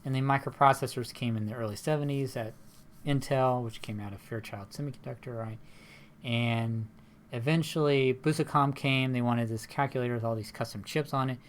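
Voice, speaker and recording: A man's voice: mid-range voice, a little fast. A man giving a recorded university lecture in a rambling, conversational way, often checking in with tag questions.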